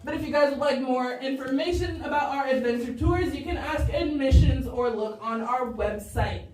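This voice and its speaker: A woman's voice: sits high, moderate pace. A woman working as a tour guide, speaking to a group in an underground cave with a strong echo. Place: underground cavern with hard rock walls, cave echo. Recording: echoing cave, distant mic, faint noise.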